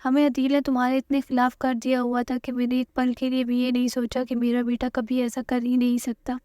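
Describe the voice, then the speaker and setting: A woman's voice: sits high, monotone, warm tone, dry recording, studio quality, natural voice. A woman voicing a remorseful middle-aged mother in a drama recap, reading the lines plainly in her own voice. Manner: plain read-aloud quote.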